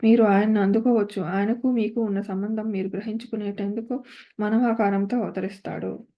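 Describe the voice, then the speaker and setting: A woman reading spiritual teachings, saying English lines slowly before translating them and chanting verses. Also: medium pitch, steady tone. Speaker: reader of spiritual discourses. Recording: slightly muffled lo-fi recording.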